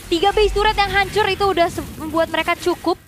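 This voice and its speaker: A woman's voice: very high-pitched, steady tone, fast, a bit bright. A woman giving conversational live commentary as an esports caster. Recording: faint background noise.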